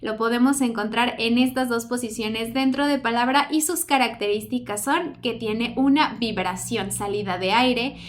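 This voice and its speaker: A woman's voice: fairly high pitch, normal speed, few pauses. A woman speaking as a speech therapist, giving an educational explanation to parents in a didactic way with carefully enunciated examples. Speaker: speech therapist presenting a lesson.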